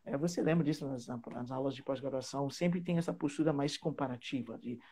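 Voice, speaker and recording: A man from Trinidad and Tobago, his English, chatting as a guest teacher and pausing often to find his words. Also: mid-range voice, mellow, breathy edge. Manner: hesitant, searching for words, with many fillers. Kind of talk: casual live chat.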